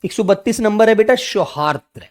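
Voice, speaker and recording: High-voiced man dictating a spelling class. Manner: dictates words slowly, repeating each one; calls students "बेटा" and "मेरे बच्चों". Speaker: teacher.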